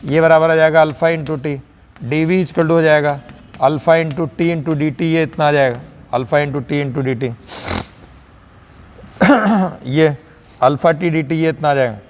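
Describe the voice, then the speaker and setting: Male physics teacher, slightly higher voice, slow word-by-word dictation, reverberant room. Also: muffled recording. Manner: dictates slowly word by word, motivational asides. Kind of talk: online lecture.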